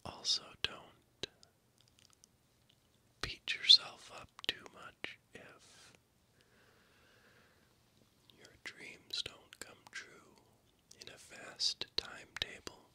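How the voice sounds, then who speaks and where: A man gives a whispered ASMR ramble right up against a binaural microphone. His breathy, unvoiced whisper is very crisp and bright, and it comes slowly, with long halts, shifting between the left and right ear in a gentle, encouraging way. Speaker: ASMR channel host. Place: small room indoors at night. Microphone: binaural microphone, very close.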